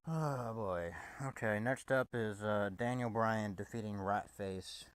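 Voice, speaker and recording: A man's voice: lowish voice, measured pace, smooth, dry recording. A man giving a casual, swear-heavy wrestling review, exasperated and full of restarts. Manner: profane, exasperated, stumbling restarts.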